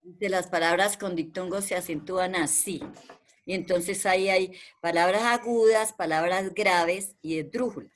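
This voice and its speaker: A woman teaching a primary school class online, her voice coming through a video call. She is patient and steady, and she keeps repeating the key words to drill them into her pupils. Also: on the low side, moderate pace, slight background noise.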